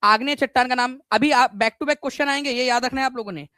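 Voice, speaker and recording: A male teacher giving a live online exam-prep class, energetic and repetitive, quizzing his students and mixing in English words. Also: very high-pitched, a little fast, clear, resonant tone, no room sound.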